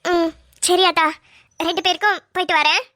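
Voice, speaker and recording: Cartoon girl, very high pitch, bright tone, teasing and self-assured. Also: fairly even intonation, moderate pace, no room sound, clean studio sound. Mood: reassuring. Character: young village girl, bold and cheeky. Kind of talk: cartoon voice acting.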